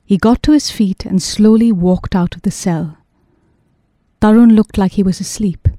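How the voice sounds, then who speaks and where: A woman narrating an audiobook in a measured, even way. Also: mid-range voice, no room sound, studio quality.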